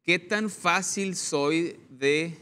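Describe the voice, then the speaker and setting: A man's voice: on the high side, extremely slow, bright, forceful tone. A man leading a casual Bible discussion, often repeating words as he searches for them.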